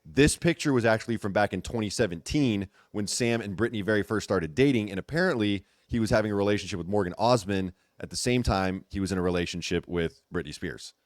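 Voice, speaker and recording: A man with a fairly low voice hosts a casual gossip show. He talks in an animated, teasing style and repeats phrases for emphasis. The sound is dry, with very little room in it. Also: fast, few pauses, no echo. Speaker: host. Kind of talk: casual gossip commentary chat.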